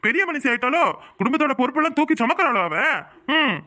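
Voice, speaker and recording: Brief: a betrayed cartoon head of the house, Kanyakumari Tamil accent, lecturing and bitter, very high and quick. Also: male voice, lively intonation, sharp tone, full character voice. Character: angry betrayed elder brother, middle-aged man. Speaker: head of the family. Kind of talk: cartoon voice acting.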